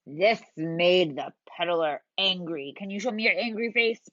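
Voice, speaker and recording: A woman teacher reading a picture book aloud to young children, expressive and drawn out, asking them questions, in a dull lo-fi recording. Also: on the low side, measured pace, dry recording. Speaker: preschool teacher.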